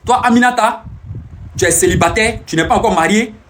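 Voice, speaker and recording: A man's voice: high voice, brisk, fairly bright tone. A young man, boastful and teasing, who repeats his phrases over and over in a casual live stream.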